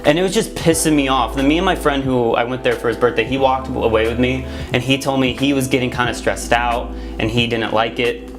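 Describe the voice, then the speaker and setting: A vlogger in his twenties from Miami, USA, casually tells a story to camera, rambling with plenty of "like" fillers. His mid-range voice is steady and fairly quick, with music playing underneath.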